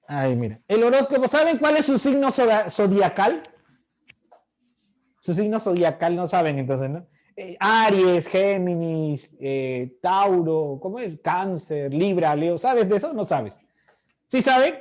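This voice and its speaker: Animated man teaching class. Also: high voice. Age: middle-aged. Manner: animated, acts out students' voices, asks class questions. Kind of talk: online class lecture.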